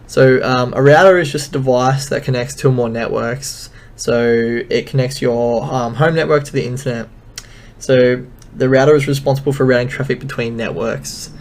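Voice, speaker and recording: A man's voice: mid-range voice, fairly even intonation, moderate pace. A man giving a casual technical lesson over slides, explaining loosely with many filler ums. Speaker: instructor.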